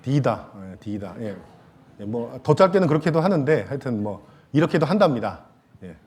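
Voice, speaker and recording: A man preaching a Sunday sermon in a church, with a mellow, relaxed tone. He talks casually with the congregation, tosses in light jokes, and trails off into soft fillers between thoughts. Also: medium pitch, brisk. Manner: casual, joking asides to the congregation; many hesitation fillers, trailing off softly. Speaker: pastor. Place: church sanctuary.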